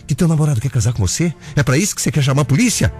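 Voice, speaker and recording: A man's voice: fairly high pitch, animated, very fast, a little mellow, faint music behind, natural voice. An actor playing an obsessive, clingy young man who stalks his ex-girlfriend, in a Brazilian radio drama, smothering and falsely sweet. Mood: indignant.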